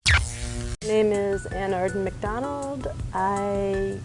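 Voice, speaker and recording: A woman in her thirties, an artist, speaks reflectively about her process in an interview. Her voice sits at a middle pitch and she thinks aloud, pausing often with small fillers. Soft music plays faintly behind her. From Atlanta, Georgia, US. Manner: thoughtful, pauses with fillers.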